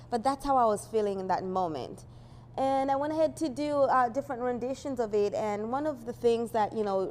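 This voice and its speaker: There's a little hiss or hum behind this medium-pitched, slightly mellow voice. It belongs to a Ugandan-born woman presenting her art casually, rambling with many "you know" fillers and quick laughs.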